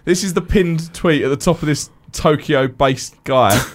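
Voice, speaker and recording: A man's voice: fairly high pitch, measured pace. A man co-hosting a radio show, telling stories in a chatty, amused way. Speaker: radio co-host. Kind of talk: casual radio banter.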